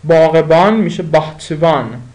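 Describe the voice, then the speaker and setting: A man teaching a language lesson, saying each new word several times and explaining it with pauses and fillers. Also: fairly high pitch, darkish tone.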